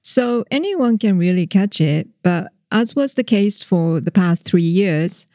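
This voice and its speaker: A reporter guest on a news podcast, explaining the facts in a measured way with small hesitations. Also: medium pitch, lively intonation, a little mellow, no room sound, clean studio sound.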